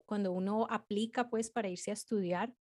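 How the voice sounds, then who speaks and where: A woman, telling her story as a guest in a casual interview, chatty and animated with frequent fillers. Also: mid-range voice, normal speed.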